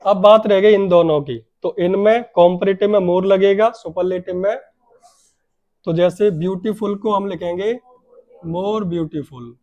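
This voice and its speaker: Man, teacher, high-pitched voice, grammar class, quizzes students, stretches out key words. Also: fairly even intonation, normal speed, dark tone, dull audio. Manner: asks students questions and answers himself.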